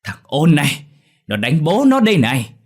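A man voicing a violent old village father who bellows threats, his speech raised and shouting, in a horror story reading with light music behind. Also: fairly high pitch, wildly swooping pitch, moderate pace, voice pushed up, exaggerated voice. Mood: furious.

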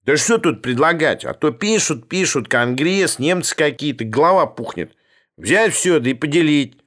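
A man's voice: fairly high pitch, lively intonation, moderate pace, a bit bright, voice pushed up. A coarse, sullen young man who was once a dog, as a male reader puts him on, whining and grumbling in a storybook reading. His voice sits well above the reader's own, thin and defensive. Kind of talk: audiobook reading.

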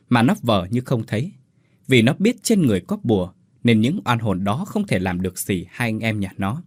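A man narrating a ghost story in a suspenseful, expressive scripted style. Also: mid-range voice, husky, dry recording, clean studio sound.

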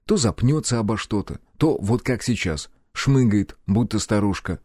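A man narrates a first-person audiobook in a low, mellow voice. His delivery is calm and measured, yet his intonation moves a lot. The recording is dry and close. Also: dry recording.

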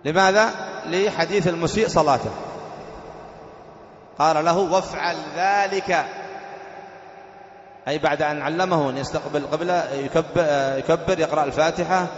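A slightly high-voiced sheikh teaches fiqh in a religious lesson, explaining step by step and repeating key points, slowing down to recite Quran verses with careful stress. The recording is from an echoey hall and sounds dull and lo-fi.

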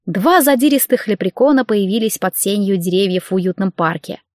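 A woman narrating an audiobook in the first person, with lively, wry storytelling. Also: mid-range voice, normal speed, dry recording, clean studio sound.

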